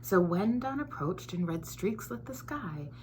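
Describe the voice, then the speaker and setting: A woman on the school board reads a children's picture book in an unhurried, mid-range voice. Her storytelling is expressive and sing-song, occasionally hushed to a whisper, with slight background noise behind her.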